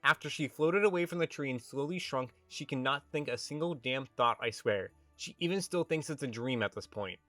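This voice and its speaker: A man's voice: medium pitch, moderate pace, hardly any pauses, bright, forceful tone, no room sound, faint music behind. A man giving a comedic, scripted movie review as a voice-over, sarcastic and exasperated, often ranting. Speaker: video reviewer.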